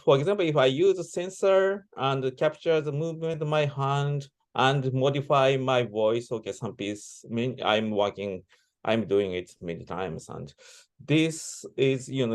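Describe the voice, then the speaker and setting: A man giving reflective interview answers as a composer, speaking halting non-native English with broken grammar. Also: medium pitch. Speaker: interviewee, composer and sound performer.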